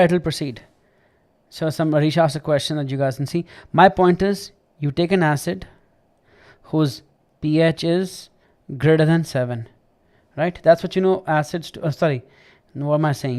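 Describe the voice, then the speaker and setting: A man's voice: fairly high pitch, a little mellow. Chatty man teaching chemistry live. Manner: chatty, repeats himself, checks understanding often. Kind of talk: live online lesson.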